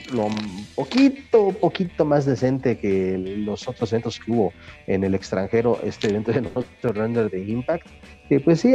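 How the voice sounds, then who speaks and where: A Mexican man giving casual wrestling commentary as a panelist, often pausing to search for his words. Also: medium pitch, warm tone, muffled recording. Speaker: podcast panelist.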